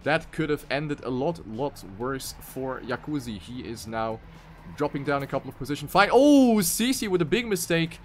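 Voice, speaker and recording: Casting a live online racing tournament, this man has a voice on the high side and a moderate pace, with a little hiss or hum in the recording. His excitable esports play-by-play rises sharply when drivers crash or make mistakes.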